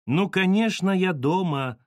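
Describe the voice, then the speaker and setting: An exasperated young woman scolds and barks orders, as a male reader voices her. Her voice swings with lively emphasis. The reading is close and dry. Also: high-pitched, unhurried, no room sound, pitched above the performer's own voice. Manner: scolding, exclamatory.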